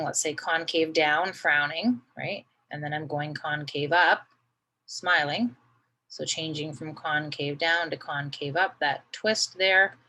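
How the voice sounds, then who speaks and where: Low-voiced woman explaining math step by step. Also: fairly bright tone, rough recording. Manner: patient, talks through each step, often adds "right?". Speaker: math teacher.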